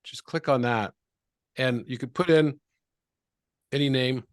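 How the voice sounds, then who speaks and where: A man with a mid-pitched voice who is a guest in an interview. He explains calmly and patiently, walking through examples one step at a time. The sound is dry, with no room echo. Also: unhurried.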